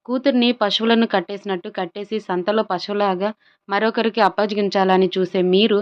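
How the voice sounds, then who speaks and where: A furious young man rants and hurls insults at his rival, breathless with rage, voiced by a woman narrator. The voice is smooth and resonant, on a dull lo-fi recording. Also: medium pitch, steady tone, normal speed, a little mellow, natural voice. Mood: angry.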